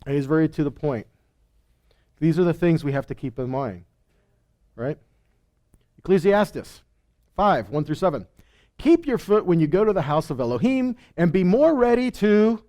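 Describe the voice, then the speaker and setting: A man with a fairly high-pitched, darkish-toned voice gives an informal Bible teaching, reading scripture and commenting conversationally with rhetorical questions and frequent check-ins.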